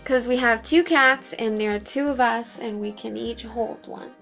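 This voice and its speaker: A woman hosting a casual vlog, bubbly and quick to laugh as she chats with her boyfriend. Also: a little high, gravelly, fairly bright tone, faint music behind. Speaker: vlog host.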